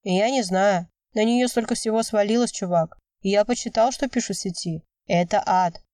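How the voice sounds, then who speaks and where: A woman's voice: medium pitch, normal speed, a little mellow, no echo, studio quality, distant mic, lightly acted. A woman voicing a blunt young man urging his heartbroken friend in an audiobook.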